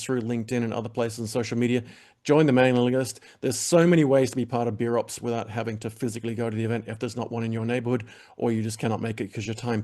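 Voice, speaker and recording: This web TV host ends his interview by rambling through upbeat plugs for viewers, using lots of fillers. He has a mid-range, slightly mellow voice.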